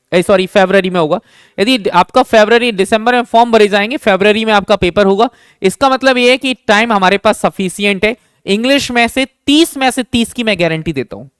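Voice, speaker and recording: A man's voice: sits high, a bit bright, smooth, no room sound, clean studio sound. Man teaching, asking and answering himself. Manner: asks himself questions and answers them; repeats key terms slowly. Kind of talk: exam-prep lesson in Hindi mixed with English.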